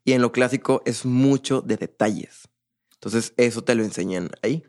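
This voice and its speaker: A man's voice: mid-range voice, normal speed, darkish tone. A young man, a percussionist guest, telling his story in a casual, rambling way with many fillers and restarts.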